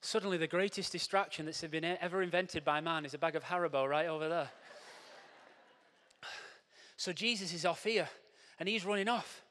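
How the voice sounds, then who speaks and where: Man, jokey church talk, high voice, long reverb. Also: normal speed, pauses often. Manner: animated, jokey, coaching shouts. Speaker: church speaker. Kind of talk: lively sermon with props and audience. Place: church hall.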